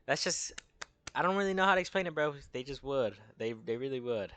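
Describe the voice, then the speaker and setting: A man's voice: mid-range voice, expressive, a little fast, fairly bright tone. A young man hosting a casual gaming tier-list video, rambling in crude slang and losing his train of thought.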